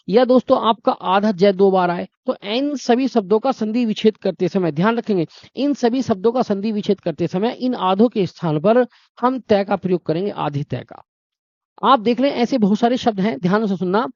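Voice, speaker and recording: Guy teaching a grammar lesson, high voice, keeps asking "what happens, friends?", dead dry sound. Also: darkish tone, dry recording, dull audio. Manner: repeats key points and quizzes the listener, "friends". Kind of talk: explaining a lesson.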